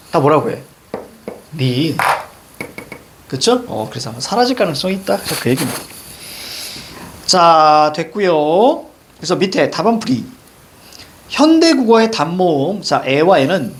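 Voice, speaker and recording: A male teacher giving a classroom lecture on Korean grammar, animated and constantly checking that students follow. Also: on the high side, husky.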